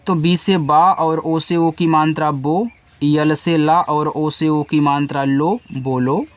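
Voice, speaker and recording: A man with a fairly high-pitched voice gives English spelling lessons in Hindi. Each word gets spelled letter by letter, followed by a patient explanation of how every sound is pronounced.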